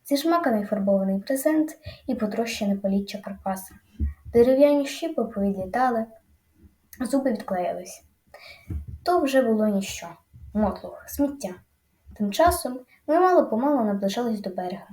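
A woman narrating a children's audiobook with lively, dramatic storytelling. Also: a little high, normal speed, reverberant.

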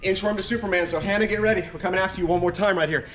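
Very fast and fairly bright, this thirties-aged fitness instructor's high voice keeps a fairly even intonation as he barks clipped, upbeat moves and counts for an online workout. He's in a big, empty indoor gym studio, so the recording echoes.

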